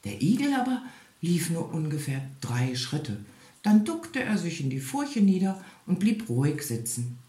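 A woman with a lowish voice reads a fairy tale aloud, her pitch swinging up and down with animated expression. The recording has a noticeable roomy echo. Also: a little slow. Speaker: storyteller. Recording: echoey room.

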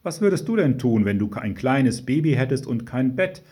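A man's voice: mid-range voice, very animated, normal speed, mellow, voice pushed up, natural voice. A man voicing a patient mother who explains the nativity story to unruly children. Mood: explaining. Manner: patient explaining, tired sighs.

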